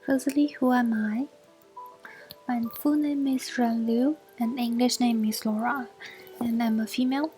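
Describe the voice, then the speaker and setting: A young woman whose native language is Mandarin presents her work in halting English with a Chinese accent for a recorded assessment. Her higher voice is monotone, full of fillers and soft, partly whispered stretches. She records at home on basic equipment, with faint music behind her.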